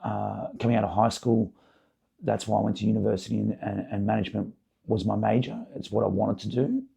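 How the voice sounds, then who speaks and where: Hoarse aussie guy, middle-aged, low gravelly voice, kinda husky, chatting on a podcast. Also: a little fast. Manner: relaxed, hesitant, many fillers and restarts. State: hoarse, voice partly gone. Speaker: podcast guest, basketball facility owner. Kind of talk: casual interview chat.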